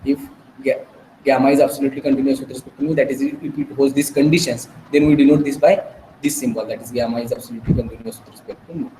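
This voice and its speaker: A man lecturing in mathematics, dictating definitions in short, repeated phrases with pauses between them. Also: mid-range voice, little pitch movement, warm tone. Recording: echoey room with faint background noise.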